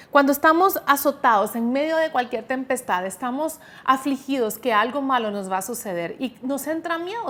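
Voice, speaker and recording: High-voiced woman preaching earnestly. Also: fairly bright tone. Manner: earnest, emphatic preaching with dramatic reading of quotes. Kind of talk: sermon with scripture reading.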